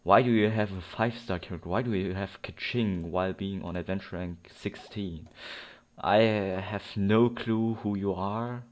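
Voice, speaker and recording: Game music plays behind a man with a low-sitting voice at normal speed. He hosts a gaming let's play with informal, unscripted commentary that rambles and often repeats itself.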